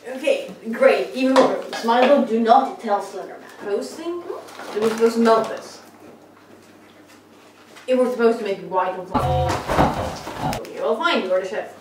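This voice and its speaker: Cosplay skit: young woman playing bossy, exasperated young male masked villain; fairly high voice, echoey kitchen, far camera. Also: a little slow, long pauses, noisy background, close to an everyday voice. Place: home kitchen, indoors.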